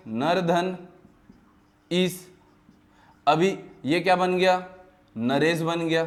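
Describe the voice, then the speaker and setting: A male teacher from Chhattisgarh giving a grammar lecture, asking questions and answering them himself, drawing out words as he explains. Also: high-pitched. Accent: Chhattisgarh Hindi. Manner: asks questions and answers them himself, repeats key terms; slow, drawn-out words when spelling things out.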